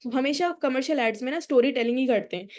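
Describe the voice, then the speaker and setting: A woman's voice: sits high, quick pace, a little mellow. A woman from India with a neutral Indian accent, teaching a public speaking workshop in an explanatory way, mixing English into her Hindi and asking the audience questions. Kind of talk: workshop lecture.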